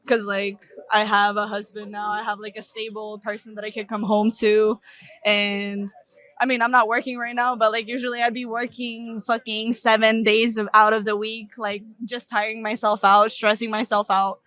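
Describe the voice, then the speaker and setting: A woman's voice: medium pitch, flat delivery, moderate pace, a bit bright, dry recording. A young woman from Russia chatting casually outdoors in a park, saying "like" a lot and often laughing. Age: young adult. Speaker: interviewee. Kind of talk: casual chat.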